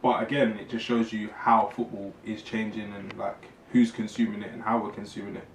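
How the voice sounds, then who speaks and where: A man's voice: on the low side, level tone, brisk, creaky. Roomy, slightly distant sound with faint noise carries a man. He talks casually as a podcast host among a group. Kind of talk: casual discussion.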